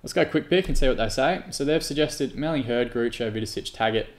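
Man, football game commentary, frustrated, sweary, mid pitch. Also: quick pace. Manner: frustrated, sweary, exasperated outbursts. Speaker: gaming YouTuber.

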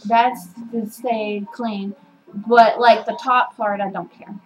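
A woman's voice: mid-range voice, fairly even intonation, slow pace, a little hiss or hum, poor audio. A young woman chatting casually in a home vlog, rambling with lots of "like" and swearing freely. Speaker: vlogger. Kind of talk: casual chat.

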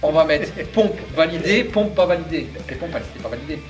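Young male fitness co-host, casual and teasing, drawn-out announcements, roomy sound over music. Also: fairly high pitch, expressive. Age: young adult. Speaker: co-host of a fitness challenge ranking. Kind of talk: casual joking presentation to camera. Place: indoor gym, camera a few metres away. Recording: roomy echo, music behind.

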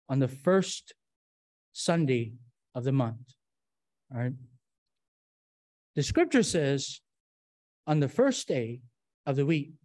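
A man's voice: fairly high pitch, a little mellow. A middle-aged man teaching a Bible study from a church lectern, talking in a conversational way and often checking in with "right?" and rhetorical questions. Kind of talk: classroom-style sermon with fill-in-the-blank slides. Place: church room, standing at a lectern.

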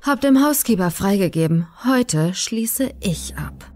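A woman's voice: medium pitch, expressive, measured pace, a little mellow, soft background music. A woman voicing a sweaty, heavyset male college lecturer who snarls threats. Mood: threatening.

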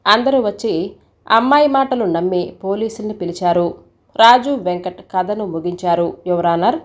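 A woman's voice: medium pitch, normal speed. A woman reading a courtroom short story aloud, speaking the characters' lines in her own voice. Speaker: story narrator.

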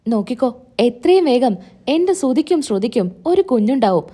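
A woman voicing a gentle young wife who speaks in a soft, pleading, hurt way in a retold serial story. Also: a little high, big pitch swings, moderate pace.

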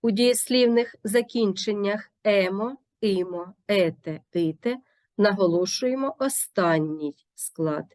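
Female teacher, slow and careful dictation-style lesson narration. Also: mid-range voice, a little mellow, no room sound. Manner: careful, deliberate word-by-word dictation.

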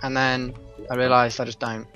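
A man's voice: medium pitch, level tone, moderate pace, sharp tone, faint music behind. A man chatting casually while playing a co-op game, exasperated and self-mocking. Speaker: gaming commentator. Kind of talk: casual gaming chat.

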